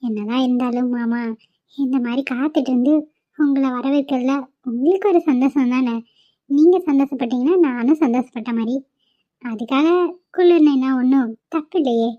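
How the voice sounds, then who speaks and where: A woman voicing an affectionate young wife in a cartoon, speaking softly. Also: sits high, normal speed, dry recording, lightly acted. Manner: soft, affectionate. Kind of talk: cartoon voice acting. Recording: muffled lo-fi recording.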